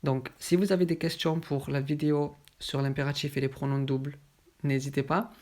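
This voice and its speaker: A teacher giving a grammar lesson, stating each example form slowly and clearly before explaining it. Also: mid-range voice, little pitch movement, a little mellow. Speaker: French teacher.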